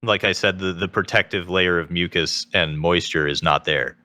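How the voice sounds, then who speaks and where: A man explaining things conversationally as an interview guest, in a measured, qualifying way, with vocal fry in his voice. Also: deep voice, sharp tone, dry recording. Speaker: interview guest, self-taught singer.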